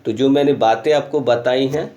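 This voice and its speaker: A man's voice: mid-range voice, fairly even intonation, warm tone, muffled recording. A male school teacher giving a recorded grammar lesson, explaining step by step and often checking in with "theek hai". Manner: explains slowly in Hindi mixed with English terms, keeps saying "theek hai". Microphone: screen recording.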